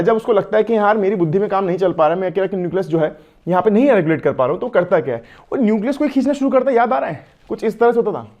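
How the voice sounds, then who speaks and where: A man's voice: high voice, a little mellow. A man with an Indian accent teaching biology in an online exam-prep lecture, chatty, mixing Hindi with English and asking his students questions.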